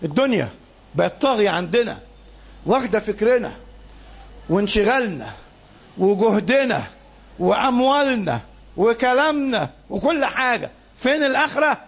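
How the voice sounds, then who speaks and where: Egyptian guy preaching a friday sermon, really high voice, gets fired up and shouts sometimes. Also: sing-song, normal speed, long pauses, husky. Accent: Egyptian Arabic. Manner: impassioned, rising to shouts when exhorting.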